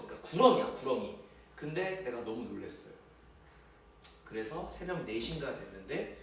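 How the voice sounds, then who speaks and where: Animated male teacher in an echoey room. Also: high voice, a little hiss or hum. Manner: animated, acts out shouts and quoted voices. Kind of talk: storytelling aside in a lecture. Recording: echoey room with a distant mic.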